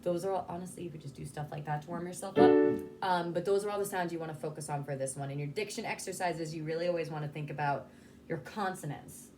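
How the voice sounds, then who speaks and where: A woman with a deep voice talks fast over loud background music. She's a vocal coach, casually explaining and demonstrating how to articulate sounds in an informal lesson.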